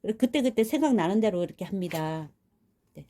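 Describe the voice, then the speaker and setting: Mellow-voiced woman teaching flower wrapping. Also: mid-range voice, animated, a little fast. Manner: chatty, talks viewers through each step while working. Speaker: florist demonstrating flower wrapping. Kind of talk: casual hands-on tutorial. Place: rural home.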